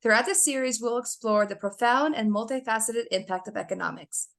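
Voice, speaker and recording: A woman's voice: fairly high pitch, fairly quick, creaky, a bit bright. A woman hosting an academic podcast, reading a formal introduction and asking interview questions. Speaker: podcast host.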